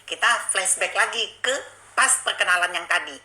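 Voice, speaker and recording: A woman's voice: fairly low pitch, moderate pace, low-quality recording. A woman, telling a personal story to her live-stream viewers in a chatty, confiding way. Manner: animated, swings between hushed and excited. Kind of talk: casual storytelling to a live audience.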